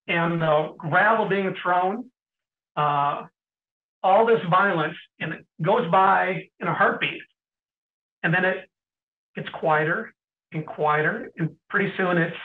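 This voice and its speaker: A middle-aged man, an interview guest, tells stories in a casual way, often clearing his throat and pausing with fillers. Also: high-pitched. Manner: anecdotal, frequent throat clearing and hesitant fillers. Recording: tinny phone-like sound.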